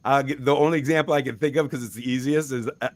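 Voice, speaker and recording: A man of medium pitch talks about his music in a loose, rambling way, breaking off and restarting his thoughts and laughing lightly. The sound is dry and close, with no room around it. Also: fairly even intonation, quick pace, dry recording. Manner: rambling, chuckling, frequent restarts. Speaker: musician guest. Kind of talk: casual interview talk.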